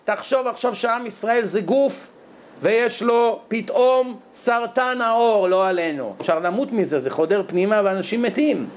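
A man's voice: high voice, a little hiss or hum. A man giving a religious lesson as a sermon, telling stories animatedly and acting out characters. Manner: animated storytelling, acts out characters. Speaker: religious teacher.

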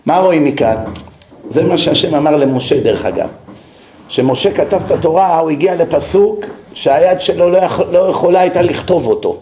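A man's voice: a little high, echoey room, slight background noise. A man lecturing as a rabbi, telling stories and asking rhetorical questions to his listeners. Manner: animated storytelling with rhetorical questions. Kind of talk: religious lecture.

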